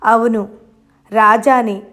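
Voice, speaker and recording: A woman voicing a tender, hushed man. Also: on the high side, steady tone, takes it slowly. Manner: gentle, hushed. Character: tender, anxious man at a bedside.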